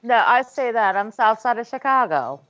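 A woman's voice: fairly high pitch, lively intonation, normal speed, fairly bright tone, dry recording, highs cut off. A woman from New York talking candidly in a casual group chat, with some cursing. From New York, United States.

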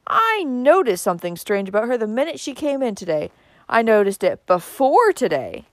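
An outraged, domineering older uncle out of a storybook, acted by a woman narrator, snorting and growling his scorn. The pitch swings widely as he blusters, and the recording is dry and close. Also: sing-song, moderate pace, no room sound, lightly acted. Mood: accusing.

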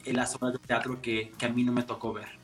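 A man with a Mexican accent, a makeup artist telling stories in a casual, lively interview. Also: medium pitch, quick pace, soft background music. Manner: animated, expressive, many fillers.

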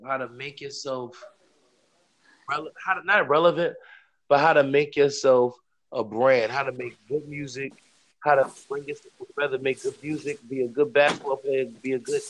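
A man's voice: mid-range voice, a bit bright, a little hiss or hum. A man hosting a casual podcast, speaking loosely and repetitively and addressing listeners directly. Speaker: podcast host. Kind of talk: casual chat.

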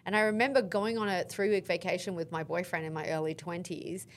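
A woman's voice: on the low side, fairly quick, slight background noise. An Australian woman in her thirties, co-hosting a casual podcast chat and telling a story with acted-out quotes. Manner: lively storyteller acting out quotes. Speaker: podcast co-host.

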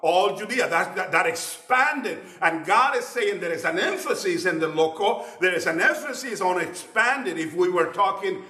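A man's voice: high voice, expressive, normal speed, hardly any pauses, sharp tone. A man preaching a sermon with emphasis, prompting a reader to go on between points. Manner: emphatic, calls out to a scripture reader. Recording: echoey church hall.

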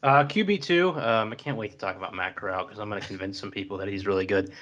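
Male co-host, hedging, filler-heavy, relaxed draft talk. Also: fairly low pitch, fast, lo-fi sound. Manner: rambling, hedging, many fillers. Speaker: co-host analyst. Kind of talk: casual sports talk.

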